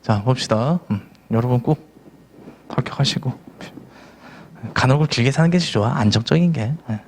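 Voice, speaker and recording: A man's voice: medium pitch, expressive, normal speed, slight background noise. A middle-aged man giving an exam-prep history lecture, sounding worn out, grumbling in asides and then quizzing his students with questions.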